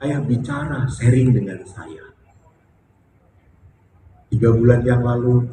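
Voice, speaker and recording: Priest preaching in an echoey hall. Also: male voice, mid-range voice, takes it slowly, warm tone, a little hiss or hum. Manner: candid storytelling with jokes, emphatic repetition. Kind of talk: sermon with personal story. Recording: echoey hall recording from far off.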